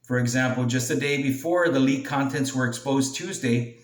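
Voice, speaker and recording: A man reading a news article aloud as a commentator, halting now and then as he stumbles over words. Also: medium pitch. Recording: echoey room, distant from mic.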